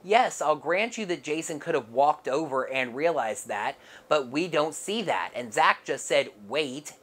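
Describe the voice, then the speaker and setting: Low-voiced, wry woman reviewer. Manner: wry, sarcastic asides. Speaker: comic book reviewer. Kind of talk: casual review narration.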